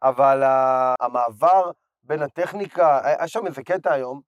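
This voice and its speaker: A hoarse man talking with animated enthusiasm in a casual chat. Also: mid-range voice, dry recording, lo-fi sound.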